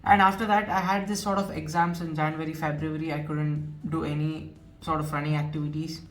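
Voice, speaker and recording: A fairly bright, high-sitting voice with little pitch movement and a slightly fast pace belongs to a nineteen-year-old Indian English vlogger. He earnestly retells his experience and repeats himself, and the far-off mic also picks up background music.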